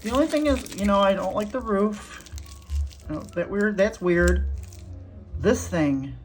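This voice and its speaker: A woman's voice: medium pitch, animated, unhurried, darkish tone, faint music behind. A woman hosting her art vlog, thinking aloud as she paints and murmuring small self-critical remarks. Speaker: art channel host. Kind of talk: casual art demonstration vlog.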